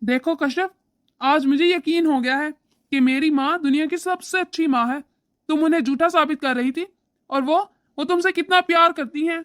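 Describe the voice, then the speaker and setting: A woman voicing a young husband in an animated family story, lecturing his wife and doting on his mother. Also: high voice, normal speed, no room sound, studio quality. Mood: scolding. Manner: scolding, lecturing. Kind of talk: animated moral story voice acting.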